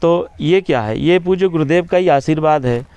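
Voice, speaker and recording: A man, a religious preacher, explaining devotion in an interview in a measured way, slowing down to recite verses and repeating key phrases. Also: fairly high pitch, darkish tone, smooth, dry recording. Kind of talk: devotional explanation in a press talk.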